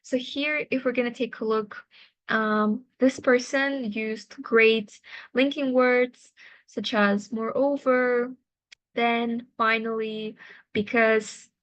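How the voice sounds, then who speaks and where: Slightly high-voiced woman teacher, patient, encouraging feedback. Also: steady tone, no room sound, muffled recording. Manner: patient, encouraging, explains slowly. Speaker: English speaking teacher. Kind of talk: online class feedback.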